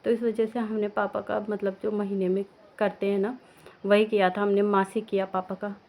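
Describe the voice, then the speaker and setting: A woman's voice: medium pitch, level tone, moderate pace, a little mellow, low-quality recording. A young woman vlogger telling a personal story in a casual, rambling way, full of restarts, from her village home. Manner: emotional, rambling with many restarts and fillers.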